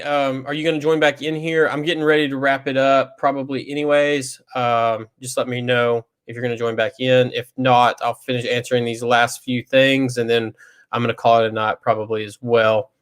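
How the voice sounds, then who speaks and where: A man in his thirties with a smooth, mid-range voice hosts a casual trivia chat on a livestream. He's relaxed and rambling, with plenty of fillers, and sounds like he's on a video call mic.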